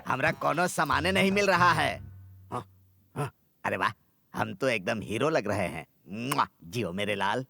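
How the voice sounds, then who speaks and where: A man's voice: mid-range voice, animated, normal speed, gravelly, bright, forceful tone, dry recording, soft background music, exaggerated voice. An actor dubbing a lazy, bossy husband who grumbles and nags his family. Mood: grumbling. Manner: nagging, grumbling. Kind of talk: Hindi film dub, comic.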